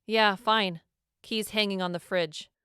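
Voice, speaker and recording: A woman's voice: mid-range voice, steady tone, a little slow, pushed and bright, clear, resonant tone, no room sound, clean studio sound. A woman reading a storybook, voicing a young girl who pleads in a rising voice. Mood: weary. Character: upset young girl, fiery then crushed.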